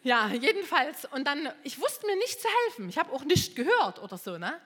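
A middle-aged woman from East Germany telling a personal testimony to an audience, impulsive and animated, swinging from hushed to loud. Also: sits high, normal speed, big-room sound. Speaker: speaker giving a personal testimony.

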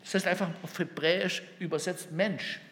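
A man with a fairly high voice preaches a sermon, full of feeling, going from ringing calls down to near-hushed asides. His voice rings out with the long reverb of a hall. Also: fairly even intonation, moderate pace. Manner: emotional storytelling, swings between loud calls and near-hushed asides. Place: hall with a gathered audience.

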